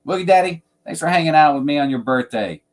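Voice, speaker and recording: A man's voice: a little high, expressive, quick pace. A man hosting a fragrance livestream, chatting casually and rambling with frequent laughs. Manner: laid-back, rambling, laughs often. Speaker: fragrance channel host.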